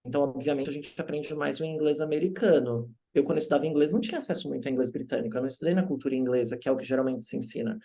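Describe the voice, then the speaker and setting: A man from Brazil, an English teacher telling stories in a casual interview, lively and acting out the voices of people he quotes. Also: medium pitch, very fast, hardly any pauses. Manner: animated, acts out quoted voices.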